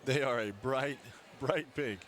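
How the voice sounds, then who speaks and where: A man's voice: mid-range voice, takes it slowly, fairly bright tone. A man giving conversational color commentary at a live fight. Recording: noisy live event background.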